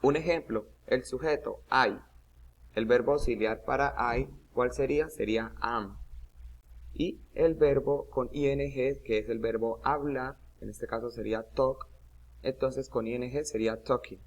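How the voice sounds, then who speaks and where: A man's voice: mid-range voice, measured pace, highs cut off. A man teaching an English grammar lesson, explaining step by step and often checking "¿listo?".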